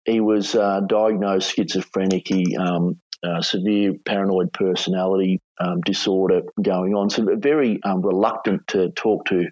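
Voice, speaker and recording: A middle-aged Australian man recounts his experiences in an interview in a low, rough-edged voice. His phrasing is casual and halting, feeling its way along. The recording is a little dull. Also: steady tone, darkish tone. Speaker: former police hostage negotiator, interview guest. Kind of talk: conversational storytelling in an interview. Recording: dull, echoey room recording.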